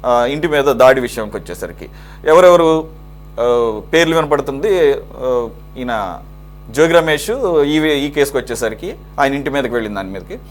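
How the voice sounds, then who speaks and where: A man's voice: mid-range voice, animated, normal speed, pauses often. A male news anchor recapping events and then putting questions to the panelists. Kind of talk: moderating a televised debate.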